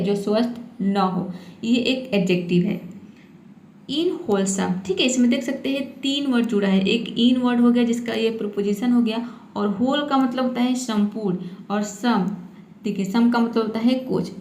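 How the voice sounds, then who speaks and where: A woman who teaches English vocabulary in a patient manner. She spells out words and repeats them slowly, adding a steady "okay" after each point. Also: on the high side, reverberant. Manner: patient, repeats "ठीक है" often. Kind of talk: vocabulary lesson.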